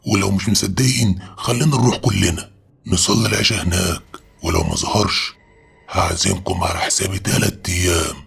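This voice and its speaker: A man's voice: sits low, vocal fry, fairly bright tone, slightly rough, full character voice. A man voicing a pushy young Egyptian dare-maker. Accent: Egyptian Arabic. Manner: insistent, persuasive.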